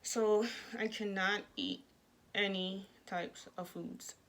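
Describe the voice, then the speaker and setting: A woman's voice: mid-range voice, creaky, a bit bright, a little hiss or hum. A woman talking casually in a personal vlog, speaking through clenched teeth with little mouth movement. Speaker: vlogger sharing recovery from jaw surgery.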